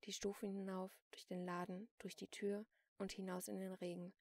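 A woman narrating an audiobook in a steady, measured way. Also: medium pitch, dry recording, clean studio sound, far from the mic.

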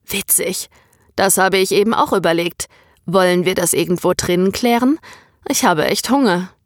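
A woman's voice: fairly low pitch, moderate pace, no echo, studio quality, close to an everyday voice. Woman reading as an unsure young man. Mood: relaxed. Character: young man, hesitant and friendly. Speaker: story character.

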